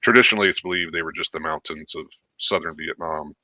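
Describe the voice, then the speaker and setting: A man talking as a guest on a video call, relaxed and hesitant, with many fillers. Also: a bass voice, fast, no room sound, poor audio. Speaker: guest turtle keeper. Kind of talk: casual interview answers.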